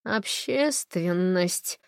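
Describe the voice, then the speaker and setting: A woman reading an audiobook, voicing a haughty, hungover woman editor who speaks weakly and slowly. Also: lowish voice, expressive, creaky, no echo, clean studio sound, full character voice. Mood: languid. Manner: languid, weak-voiced, then icy.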